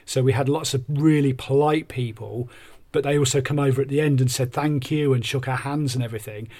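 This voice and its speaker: A man's voice: mid-range voice, a little fast, darkish tone. A man co-hosting a podcast conversationally, explaining ideas with examples like an upbeat life coach. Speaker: podcast co-host and workshop coach.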